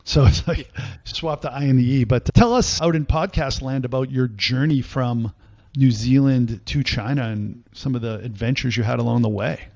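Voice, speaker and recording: A man with a Boston accent hosts a casual podcast interview. His pitch sits in the middle for a man. The recording is dry and a little dull and lo-fi. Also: moderate pace, gravelly, darkish tone, no echo. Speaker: podcast host.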